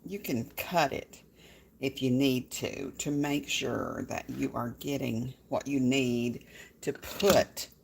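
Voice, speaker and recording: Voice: mid-range voice, slow pace, gravelly, a little hiss or hum. A home cooking vlogger, chatting folksily and directly to viewers while demonstrating a recipe.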